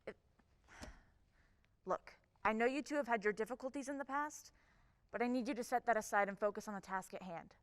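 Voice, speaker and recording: A woman playing a vain, lazy female chief of a cop federation, commanding and brisk in a live stage comedy. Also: on the high side, clear, resonant tone, natural voice. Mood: bossy. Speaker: stage actor. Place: theatre stage. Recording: long reverb of a theatre stage.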